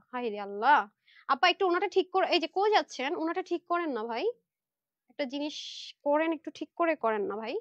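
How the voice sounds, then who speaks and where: A high, quick-talking young woman hawks dresses on a live-stream, chatty and pushy in an upbeat way, turning aside now and then to direct her helpers. The sound is dull and lo-fi, close and dry with no room around it. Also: a bit bright, no echo. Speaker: online clothing seller. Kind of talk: live-stream sales pitch.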